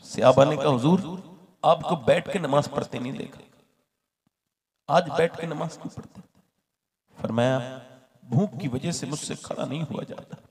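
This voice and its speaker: A man preaching an impassioned sermon, dropping to hushed tones and then rising to shouts. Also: fairly high pitch, moderate pace, pauses often. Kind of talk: religious sermon.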